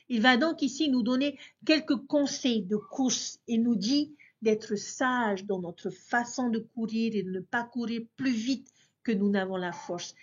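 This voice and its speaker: Woman, earnest scripture teacher, breathy voice, muffled lo-fi sound. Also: fairly high pitch. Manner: earnest, addresses listeners as brothers and sisters. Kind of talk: devotional scripture lesson.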